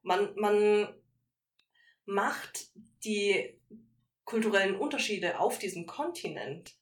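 An earnest woman from Germany speaks at a middle pitch and shares personal stories on a podcast. Her voice rings with a roomy echo. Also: slow pace. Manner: earnest, tells personal anecdotes. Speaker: podcast co-host. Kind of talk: casual conversational podcast. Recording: echoey room.

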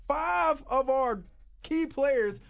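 A man's voice: very high-pitched, lively intonation, drawn-out words, gravelly, a bit bright. A man co-hosting a casual sports podcast, laid-back and slangy, laughing often. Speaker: podcast co-host.

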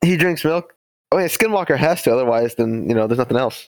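A young man on a podcast, cutting in with quick teasing jokes. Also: mid-range voice, expressive, no echo. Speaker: podcast co-host. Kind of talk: casual chat.

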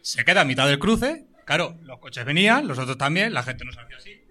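A man from Spain with a fairly high, bright voice tells a story on a comedy stage. His delivery is laconic and deadpan, and he lands each dry line without fuss. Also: brisk. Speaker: local police officer, audience guest. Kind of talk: telling an anecdote on stage. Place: stage at a live comedy show.

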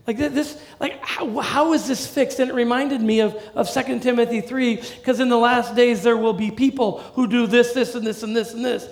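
A middle-aged male pastor preaching a sermon in a conversational, animated way with humorous asides. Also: sits high, gravelly.

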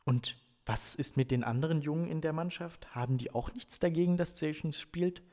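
A man's voice: on the high side, moderate pace, mellow, big-room sound, voice pushed up, natural voice. A worried mother who keeps asking pointed, pressing questions. Her voice sits a little raised in level, as a man reads her part from a book. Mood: probing.

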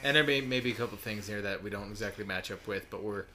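A man's voice: lowish voice, quick pace, bright, forceful tone. A young man co-hosting a casual couples podcast, joking and telling rambling stories. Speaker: podcast co-host.

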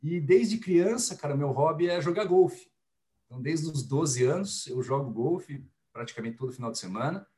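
A man in his forties from Curitiba, Brazil, with a Curitiba Brazilian Portuguese accent, a podcast guest talking in a relaxed, friendly, chatty way. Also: fairly high pitch, moderate pace. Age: 40s. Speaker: podcast guest, business executive. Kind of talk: casual podcast chat.

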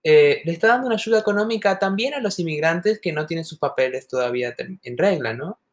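A woman from Argentina with a softened Argentine accent, co-hosting a podcast and talking earnestly and at length in casual conversation. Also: sits low, lively intonation, fast talker. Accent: Argentine Spanish, softened toward neutral. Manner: earnest, reflective, talks at length. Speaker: podcast co-host.

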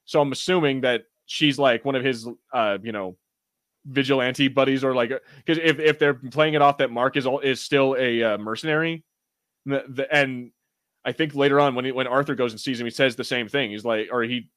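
In a casual chat about a TV show, with live chat read aloud, a man co-hosting a podcast rambles, jokes, uses slang and swears now and then. His medium-pitched voice is steady, a bit bright and fairly quick, on a dry, clean studio recording.

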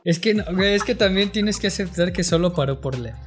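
Slangy Mexican man, sweary and expressive. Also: high voice, brisk, faint music behind. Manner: slangy, profane, animated storytelling with acted-out reactions. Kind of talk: casual chat about a video game.

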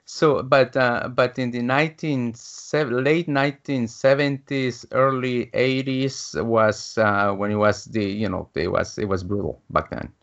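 A man in his fifties from Guatemala, a business coach, recounts his life story as an interview guest, with lots of fillers and restarts yet hardly any pauses. His medium-pitched voice is fairly bright, with vocal fry, fairly even intonation, and a measured pace. The recording is dull and lo-fi.

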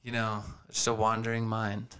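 A man's voice: lowish voice, monotone, moderate pace, pushed and bright, slight background noise. Laid-back young man, swearing casually. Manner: laid-back, swears a lot, calls people dude. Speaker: podcast host. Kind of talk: casual chat.

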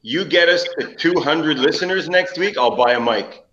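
A man's voice: a little high, sharp tone, slight background noise. Man with cave-like echo. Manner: brisk, jokey, runs the segments. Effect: cave-like echo from a basement laptop mic. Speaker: podcast host. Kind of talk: casual chat. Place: basement room. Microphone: old laptop built-in mic. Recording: echoey, dull lo-fi laptop mic.

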